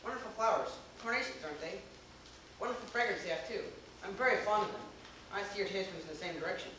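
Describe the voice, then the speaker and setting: In an amateur comic one-act play, a man plays a wry, unflappable, worldly know-it-all gentleman who teases with glib, theatrical formality, smooth and drily amused. He speaks quickly in a high voice on a small theater stage, recorded from the audience by a distant mic in a very echoey room with noticeable noise.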